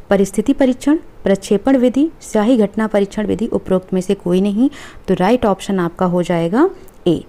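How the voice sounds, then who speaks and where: A woman's voice: mid-range voice, mellow. A woman teacher, going through exam questions and reading out each answer option, often checking in with the class. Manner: reads multiple-choice options aloud, checks in with "ठीक है". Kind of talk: exam question review lesson.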